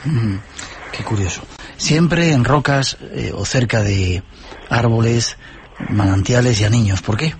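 A man hosting a late-night radio interview, briskly reading time checks and prompting his guest. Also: mid-range voice, slight background noise. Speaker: radio host.

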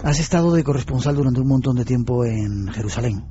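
Brief: male radio host, quick chatty delivery, mellow tone, dull lo-fi broadcast sound. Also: mid-range voice, lively intonation. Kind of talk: radio interview.

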